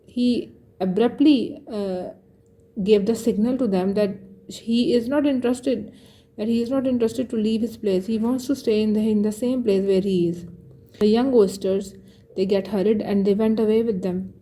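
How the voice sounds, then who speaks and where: A woman's voice: mid-range voice, steady tone, normal speed, warm tone. A woman teacher reading a text aloud and explaining it line by line, patiently rephrasing and often correcting herself.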